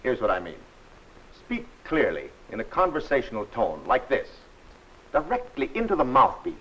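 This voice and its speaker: A man narrating a 1940s instructional film in a friendly, instructive and measured way. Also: mid-range voice, huge pitch swings, a little hiss or hum. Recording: dull old film soundtrack.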